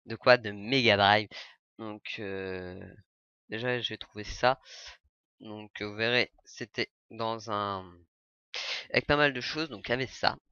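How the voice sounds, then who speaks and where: A man's voice: fairly low pitch, measured pace, pauses often, bright, forceful tone, clean tone, dry recording. A man casually chatting to his webcam at home, rambling with lots of fillers as he shows off yard-sale finds. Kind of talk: casual webcam unboxing chat. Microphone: webcam mic. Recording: dull lo-fi webcam sound.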